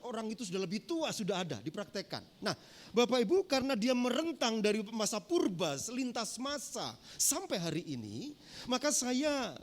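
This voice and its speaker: Pastor guy, pretty high voice, slow teaching sermon w lots of pauses and uh's. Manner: measured teaching delivery with pauses and fillers. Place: church sanctuary.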